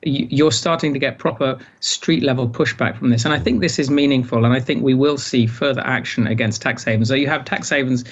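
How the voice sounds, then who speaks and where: A man's voice: medium pitch, steady tone, a little fast, few pauses. A man giving explanatory interview answers as an expert guest, hesitating and repeating words as he thinks. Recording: dull, band-limited sound.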